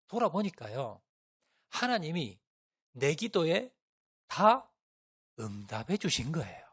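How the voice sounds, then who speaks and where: Lively, higher-voiced man preaching a sermon. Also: slow pace, slightly rough. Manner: animated storytelling, acts out prayers with rising emotion. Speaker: pastor. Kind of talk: Sunday sermon, storytelling. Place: church sanctuary.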